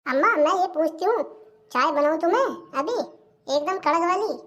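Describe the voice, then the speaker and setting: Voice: very high voice, expressive, moderate pace, a bit bright. Voice actor doing a sly young daughter-in-law. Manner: bossy and sly, talks back. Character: sharp-tongued young daughter-in-law, scheming. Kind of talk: cartoon comedy voice acting.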